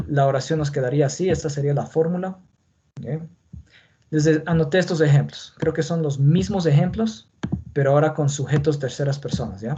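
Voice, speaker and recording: A man's voice: fairly high pitch, dark tone. A man teaching an English grammar lesson in Spanish, patiently repeating points and checking in with his class. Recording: dull lo-fi sound with faint noise.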